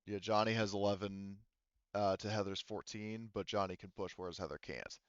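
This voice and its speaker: A man acting as game master narrates a sci-fi tabletop roleplaying game casually, thinking aloud in a halting way. His voice is lowish with fairly even intonation, and the dry recording has its highs cut off.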